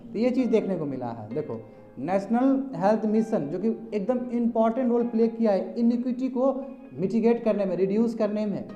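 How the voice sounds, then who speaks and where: A man's voice: high-pitched, lively intonation, moderate pace, mellow, soft background music. Chatty male teacher, echoey classroom. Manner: chatty, addresses students directly, mixes English terms. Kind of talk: classroom lecture. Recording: echoey classroom, slightly dull.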